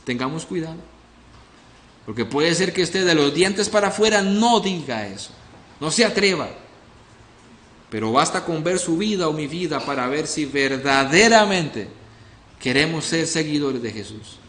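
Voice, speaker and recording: Pastor guy preaching, kinda high voice, church echo all around. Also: expressive, moderate pace, fairly bright tone. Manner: earnest, questioning the congregation directly. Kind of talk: expository sermon.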